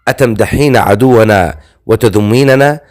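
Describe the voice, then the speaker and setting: A man's voice: medium pitch, normal speed, a little mellow, close to an everyday voice. A man reading the lines of a hulking hostile warrior in an audiobook, speaking in an angry, scornful way.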